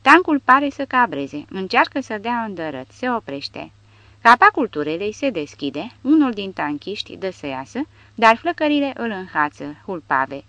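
A woman narrating an audiobook in a steady, measured reading. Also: mid-range voice, no room sound, muffled recording.

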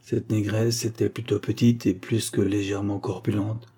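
A man reading an audiobook in a steady, even narration. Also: on the low side, moderate pace, breathy edge.

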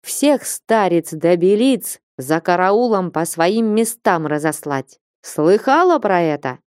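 Hot-tempered old merchant father, commanding and blustering; a woman reads him in a mellow, dry storybook voice. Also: fairly low pitch, animated, slow pace, smooth, no echo. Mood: stern. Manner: commanding, blustering, shouting in anger.

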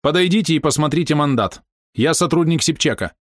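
Man doing a young woman officer, raised pitch, firm commands, clipped and dry, audiobook. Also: lively intonation, fairly quick, dry recording. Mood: commanding. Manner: commanding, sharp orders.

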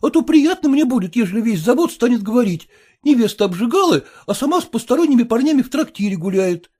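A man's voice: extremely high pitch, sing-song, fast talker, darkish tone, husky, full character voice. A man reading aloud, voicing an earnest, jealous and self-satisfied male suitor who pleads fervently. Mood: pleading.

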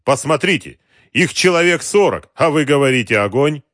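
A man's voice: on the high side, lively intonation, normal speed, a bit bright, no echo, clean studio sound, pitched above the performer's own voice. A man voicing an earnest, stubborn young male officer. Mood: insistent. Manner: earnest, insistent.

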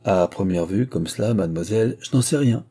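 A man reading aloud as a polite, shy young gentleman, speaking courteously. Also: fairly low pitch. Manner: courteous, measured.

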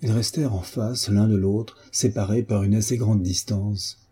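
Male audiobook narrator, measured, very husky, dark timbre. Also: lowish voice, steady tone. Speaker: audiobook reader. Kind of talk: literary narration.

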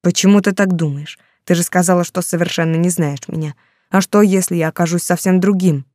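Brooding possessive man, read by a woman, low insistent pleading, mellow dark tone, audiobook. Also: steady tone, a little fast, dry recording, clean studio sound, close to an everyday voice. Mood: urgent.

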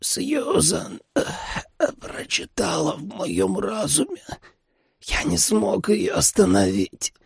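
A man's voice: sits high, big pitch swings, slow, creaky, darkish tone, slightly rough, no room sound, studio quality, voice pushed up, exaggerated voice. Man voicing a dying father's faint whisper. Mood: anguished. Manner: faint broken whispering, tearful. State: weak and fading. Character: dying middle-aged father, weak and remorseful.

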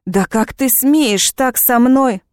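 A woman's voice: slow pace, darkish tone, no echo, clean studio sound. Woman reading as a smug fanatic guy jailer, hisses and squeals when mad. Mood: furious. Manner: pompous, hissing, shrill when angry. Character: pompous fanatic male witch-hunter jailer.

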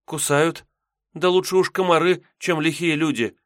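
A man's voice: a little high, steady tone, normal speed, fairly bright tone, dry recording, clean studio sound, pitched above the performer's own voice, natural voice. A man voicing a timid young peasant woman pilgrim in an audiobook, fearful and pleading. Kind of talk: audiobook character voice.

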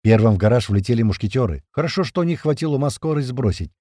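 Brief: male audiobook narrator, dark tone, lively pitch, dry close sound, chatty first person. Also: quick pace, no room sound. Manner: conversational, swears casually.

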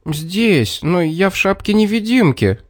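A man voicing a bold, cheeky little boy in a children's story, in a raised, lively boyish voice. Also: high-pitched, measured pace, pitched above the performer's own voice, full character voice.

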